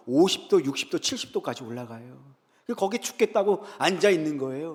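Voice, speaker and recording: Lively preaching man, reverberant sanctuary. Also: fairly high pitch. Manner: poses questions to the congregation and answers them himself; lively storytelling retelling Bible scenes. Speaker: pastor. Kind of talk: sermon. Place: church sanctuary. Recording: long reverb in a large sanctuary.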